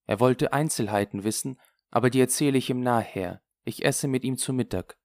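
In an audiobook, a woman reader voices Loulou, a flighty, impulsive young woman chattering gossipily. The voice rumbles low yet is pitched above the performer's natural register, with a brisk delivery and warm tone.

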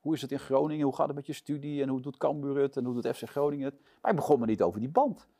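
Fast-talking Dutchman telling a lively story. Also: medium pitch. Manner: lively storyteller acting out shouted quotes. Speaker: interview guest, sports presenter. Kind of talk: animated anecdote telling.

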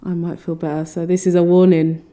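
Young female podcast co-host, warm low tone, animated casual chat. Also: brisk. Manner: animated, acts out quotes with laughs.

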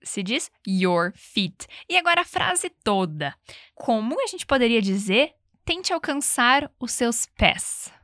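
A woman teaching English, explaining phrases and leading repetition drills, saying the English examples slowly and clearly. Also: fairly high pitch, sing-song, bright, forceful tone, dry recording, clean studio sound. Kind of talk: language lesson with repetition drills.

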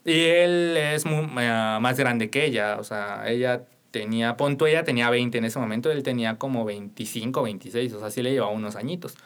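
A man's voice: medium pitch, fairly quick, fairly bright tone, clean tone. A young man with a Mexican accent, co-hosting a casual podcast chat and telling a rambling story full of fillers. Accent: Mexican Spanish. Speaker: radio podcast co-host.

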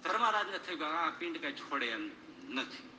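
A man telling a religious story in a discourse, with lively, joking asides to the listeners. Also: on the high side, normal speed, roomy sound, slight background noise, low-quality recording.

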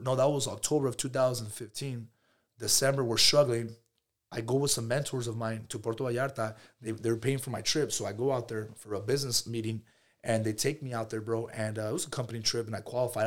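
A medium-pitched man in his thirties tells his story as a podcast guest. He's casual and animated, peppering his speech with slang and "bro."

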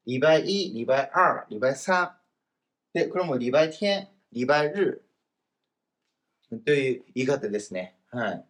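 Lively male language teacher explaining patiently. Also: mid-range voice. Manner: lively, explanatory, slows down for example phrases. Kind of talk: explanatory lesson, casual podcast. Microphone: voice message recording.

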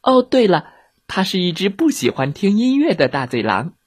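A clever, cheeky little girl from a children's audio story, as a storyteller puts her on, pitched up high and bright. She plays innocent with a slightly husky edge, and her voice leaps up and down as she chatters. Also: big pitch swings, normal speed, no room sound. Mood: cheerful.

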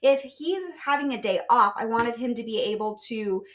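A woman's voice: a little high, normal speed. A young woman hosting her own podcast, talking in a casual, chatty and upbeat way straight to her listeners. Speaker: podcast host. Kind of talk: casual solo podcast talk.

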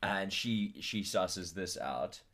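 A man's voice: deep voice, lively intonation, slow pace, fairly bright tone. A man co-hosting a podcast in casual chat, laid-back and slangy. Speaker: podcast co-host.

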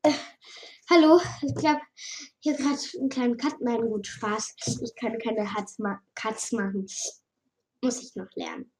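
Slow, high-voiced woman reading aloud. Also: darkish tone, poor audio. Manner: slow, with slips and restarts. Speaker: storybook reader. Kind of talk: casual reading of fan fiction aloud.

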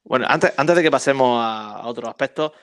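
A man's voice: mid-range voice, a little fast, fairly bright tone. Chatty man telling football stories. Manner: chatty storyteller, frequent tag questions. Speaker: podcast co-host. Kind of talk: casual football chat.

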